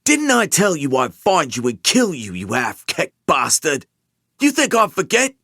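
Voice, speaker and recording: A man's voice: on the high side, sing-song, moderate pace, a bit bright, no echo, clean studio sound, pitched above the performer's own voice. A man voicing a vengeful, brutal male gangster enforcer in an audiobook, with a threatening manner. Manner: menacing, threatening.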